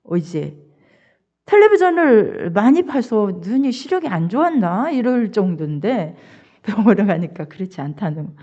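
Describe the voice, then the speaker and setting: An older woman pastor preaching a sermon, telling a family story in an animated, expressive way. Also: normal speed. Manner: animated, expressive storyteller with wide swings in pitch. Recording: dull lo-fi church recording.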